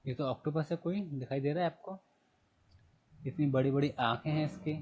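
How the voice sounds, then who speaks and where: A man teaching a recorded general knowledge class. His voice sits a little high and has a husky edge. He repeats each key term, asks the class questions and answers them himself, and spells words out slowly letter by letter. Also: darkish tone, lo-fi sound.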